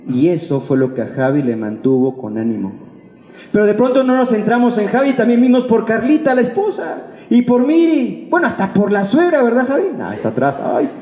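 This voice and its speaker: A high-pitched, very animated man talks fairly quickly, preaching an informal sermon as a pastor with a Mexican Spanish accent. His church-congregation style is playful and colloquial, full of rhetorical questions and acted-out imagined remarks. The reverberant church hall leaves a dull sound with long, echoing reverb.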